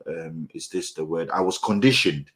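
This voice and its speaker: A man's voice: deep voice, normal speed, fairly bright tone. A middle-aged man co-hosting a casual talk about marriage, often repeating words as he searches for them. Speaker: co-host.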